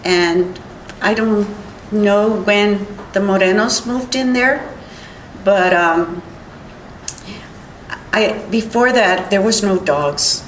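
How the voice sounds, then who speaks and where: An older woman giving courtroom testimony, retelling events in a halting, rambling way with many restarts. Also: mid-range voice, reverberant, slight background noise, poor audio. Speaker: witness.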